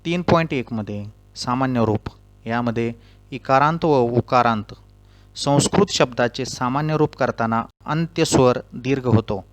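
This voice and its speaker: A man teaching a grammar lesson, reading out rules one by one and spelling out the example words slowly. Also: medium pitch. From Maharashtra.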